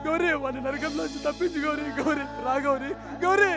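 A fiercely loyal young man, torn up over his friend's pain. He shouts and pleads in a high, strained voice. A loud cinematic score swells under every line. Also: fairly quick, over loud music. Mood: pleading. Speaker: friend of a jilted lover. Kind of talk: Telugu film dialogue.

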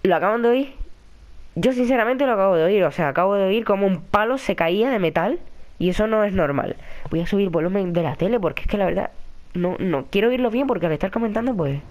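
A man with a Spain Spanish accent, commentating a horror game and chatting with viewers in a jumpy, excitable way. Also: high-pitched, fast talker. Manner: jumpy, excitable, yelps and shrieks when startled; chatty, talks to viewers and a friend in the room. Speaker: gaming commentator. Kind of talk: horror let's-play commentary.

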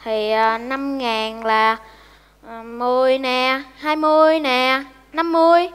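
Timid young beggar guy, high voice, hesitant, stage hall echo, faint music. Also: steady tone, slow pace, fairly bright tone, smooth. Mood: meek. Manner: meek, hesitant. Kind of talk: stage comedy sketch.

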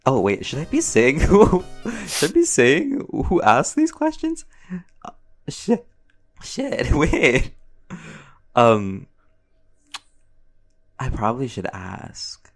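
His voice sits in the mid-range but swings hugely in pitch, and he speaks slowly with frequent pauses. The man, a channel creator and voice actor, rambles through a fan Q&A in a chatty, slangy, playful manner, breaking off mid-thought and often laughing, while music plays behind him.

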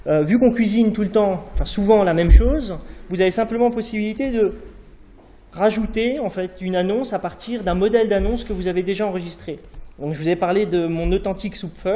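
A startup founder in his thirties gives a live demo on stage at a university event hall, speaking conversationally with many fillers and frequent "d'accord?" check-ins. His voice is high with a dark tone, fairly quick. The hall is echoey, he's somewhat far from the mic, and there's faint room noise.

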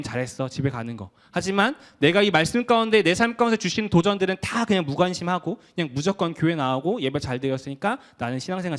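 Young male youth pastor, casual sermon, bright and lively delivery. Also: high voice. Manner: conversational, acts out quoted voices of teens.

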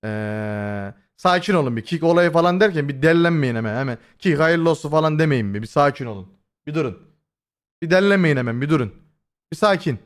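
A young streamer swears freely and rambles through a casual chat with his viewers, filling gaps with fillers and addressing chat head-on. His voice runs a little high, expressive and slightly fast, and it has been hoarse recently.

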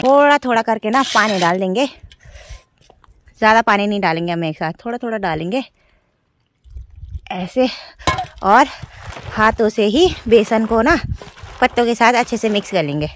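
A chatty young woman from Uttarakhand talks her viewers through her day in a mountain village, explaining each step as she cooks and walks. Her voice sits a little high, with a faint hiss of outdoor noise behind it. She is recorded on a phone held at arm's length. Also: normal speed, pauses often, fairly bright tone. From Uttarakhand, India. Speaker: village vlogger. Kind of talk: casual vlog narration. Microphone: phone camera held at arm's length.

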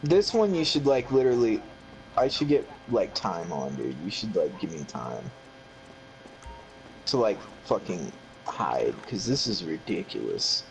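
Lively, swearing gamer guy. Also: lowish voice, unhurried, vocal fry, faint music behind, low-quality recording. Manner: panicky, swears a lot. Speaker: co-player. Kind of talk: casual let's-play banter.

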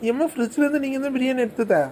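A performer doing a brisk chiding husband. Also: high-pitched, a little mellow, slight background noise, lightly acted. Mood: explaining. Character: grumbling husband, middle-aged son.

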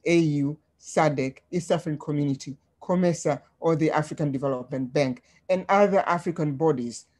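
A woman from Tanzania presenting slides on a webinar in a measured way, with frequent ums, over a video call. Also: deep voice, darkish tone.

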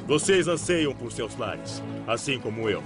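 A man's voice: medium pitch, lively intonation, unhurried, natural voice. Guy dubbing a stern general, commanding and grave, voice swings up and down a lot, music behind. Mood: rousing. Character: stern male army general rallying troops. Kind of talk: dubbed film trailer.

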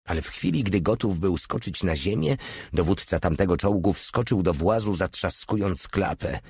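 A man narrating an audiobook in a steady, measured reading. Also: sits low, breathy edge, no echo.

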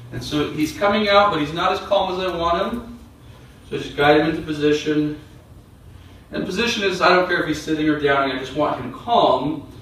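A man with a fairly high voice gives a calm dog training lesson, explaining each step as he works. The sound is very echoey and taken from a distance, as if the camera sits across a large bare room. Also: a little hiss or hum. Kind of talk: instructional demonstration.

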